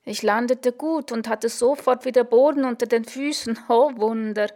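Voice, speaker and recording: A woman reading her own first-person story aloud in a dry, deadpan way, sometimes correcting herself. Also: fairly high pitch, moderate pace. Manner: dry, deadpan humour, occasional self-corrections.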